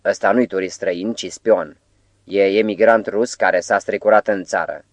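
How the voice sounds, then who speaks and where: A brash young poet, read by a man in an audiobook, blunt, combative and quick to suspect. The voice stays fairly low and is recorded close and dry. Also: steady tone, no echo, lightly acted. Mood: suspicious. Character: young hot-headed suspicious male poet.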